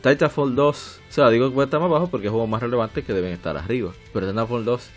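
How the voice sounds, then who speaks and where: A man co-hosting a casual chat, reading out ranked games and giving quick opinions. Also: mid-range voice, faint music behind. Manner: animated, reads out list entries. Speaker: podcast co-host. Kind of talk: casual chat about video game rankings.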